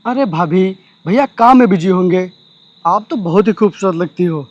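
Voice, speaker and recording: A young man playing an eager younger brother-in-law who coaxes and flatters. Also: high voice, moderate pace, dry recording, muffled recording, close to an everyday voice. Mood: flattering. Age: young adult. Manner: coaxing, flattering.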